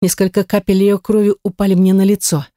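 A woman's voice: medium pitch, little pitch movement, brisk, mellow, dry recording, studio quality. A woman narrating an audiobook in a tense, dramatic storytelling manner. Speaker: audiobook reader.

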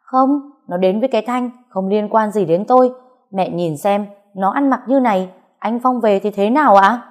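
A woman voicing a fierce young wife who shouts combative, loud retorts. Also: mid-range voice, moderate pace, voice pushed up, close to an everyday voice. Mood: pleading defensive.

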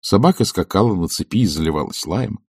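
A man narrates a novel in a calm, even voice. His pitch sits very low. The recording is dry and close. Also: fairly quick, vocal fry, husky, dry recording. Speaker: audiobook reader. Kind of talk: scripted narration.

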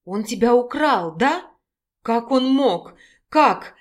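A woman's voice: on the high side, lively intonation, takes it slowly. A woman voicing a fretful older mother who coaxes and pleads. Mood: alarmed. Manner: pleading, coaxing.

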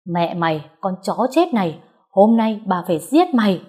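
A woman voicing a furious, scornful middle-aged mother-in-law, who curses and sneers as she shouts. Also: mid-range voice, sing-song, normal speed. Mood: scornful, raging.

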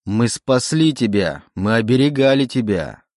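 A man's voice: medium pitch, animated, unhurried, a little mellow, no echo, studio quality, close to an everyday voice. Man putting on a sneering demon's voice. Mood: menacing. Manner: mocking, sneering. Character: mocking demon voice, cruel, giggling.

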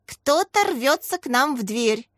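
A woman voicing an excited little schoolgirl co-host with a high, squealing voice. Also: a little slow, no room sound, studio quality.

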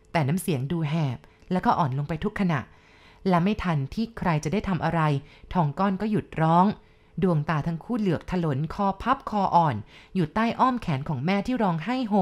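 A woman narrating a first-person ghost story in a steady, dramatic storytelling manner. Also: fairly low pitch.

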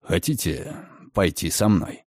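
A sly gentleman with a cold, menacing edge, his voice dropped low and quiet into an amused drawl, as a male narrator plays him. The recording is dry and close. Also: lively intonation, unhurried, no room sound. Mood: mocking.

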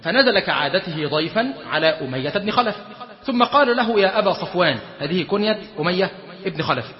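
A man's voice: high voice, lively intonation, fairly quick. A man with an Egyptian accent preaching a storytelling sermon, acting out quoted dialogue and dropping into colloquial asides. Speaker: sheikh giving a lecture. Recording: long reverb, dull lo-fi sound.

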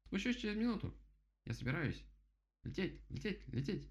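A man voicing a chattering, excitable male woodpecker in a children's storybook, rattling off repeated words. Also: high voice, voice pushed up. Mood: chattery. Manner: rapid-fire, repeats words. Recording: slightly dull lo-fi recording.

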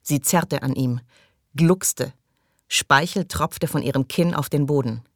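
A man reading an audiobook aloud in measured, dramatic storytelling. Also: on the high side, no echo, studio quality. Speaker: audiobook reader. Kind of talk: scripted narration.

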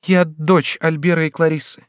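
A man's voice: fairly high pitch, flat delivery, normal speed, smooth, no echo, studio quality, pitched above the performer's own voice, lightly acted. A man reading an audiobook voices a timid, desperate young woman pleading with a prince, in a raised, strained voice. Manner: pleading and tremulous.

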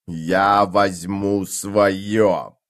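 A man reading an audiobook, voicing an undead masked male warrior whose voice is booming and metallic. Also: steady tone, extremely slow, fairly bright tone, exaggerated voice. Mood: claiming.

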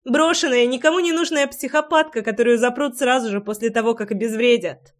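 Woman doing a defiant young captive for a storybook, mocking and high-pitched. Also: a little fast, natural voice. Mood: taunting. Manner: taunting, laughing.

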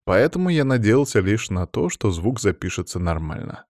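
A man narrating a fantasy audiobook in the first person with steady, measured storytelling. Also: fairly low pitch, dry recording, clean studio sound.

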